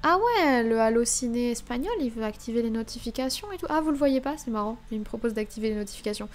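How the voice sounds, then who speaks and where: A woman's voice: on the high side, lively intonation, fast talker. A young woman streaming live, chatting casually and thinking aloud while she browses the week's releases.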